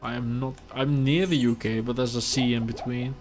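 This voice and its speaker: A Dutch man in his thirties, from the Netherlands, chats casually with his live-stream audience while playing a game. His mid-range voice moves at a moderate pace, and he sounds chatty and relaxed, answering chat between moves. Game music plays beneath his voice.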